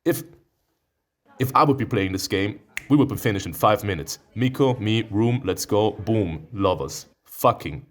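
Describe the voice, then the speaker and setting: In an unhurried, fairly low voice, a man presents a gaming video, reading visual novel lines aloud and then reacting to them. His manner is theatrical and playful, and he breaks into sudden outbursts.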